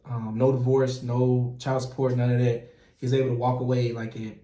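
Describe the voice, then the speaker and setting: A man's voice: mid-range voice, moderate pace. Man, earnest, in a roomy echo. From Mississippi, US. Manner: earnest and animated, frequent "man" and "you know", restarts, chuckles. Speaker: process operator and channel host. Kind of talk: casual advice talk to camera.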